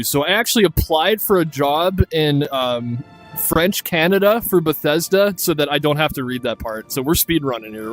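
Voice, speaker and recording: A man streaming a game late at night, chatting casually with a friend and rambling in a deadpan joking way. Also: fairly high pitch. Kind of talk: casual gaming stream chat.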